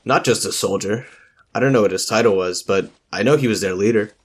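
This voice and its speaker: A man's voice: fairly low pitch, brisk, close to an everyday voice. A man voicing a meek, self-doubting young recruit who speaks in a subdued, sad way.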